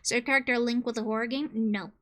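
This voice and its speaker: A woman from Colombia streaming casually, joking and reading game questions aloud, with sudden loud squeals. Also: a little high, fairly even intonation, quick pace.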